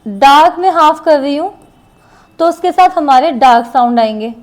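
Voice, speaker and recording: High-voiced woman teaching shorthand slowly. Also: lively intonation. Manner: slow, patient, repeats words while writing examples. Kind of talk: classroom lesson explaining shorthand strokes.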